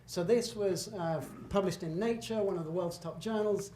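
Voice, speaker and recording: A middle-aged guest lecturer from Britain talks through slides at a public lecture, his high-sitting, mellow voice at a moderate pace. He is conversational and emphatic, often making asides and correcting himself, while the lecture hall echoes with faint room noise.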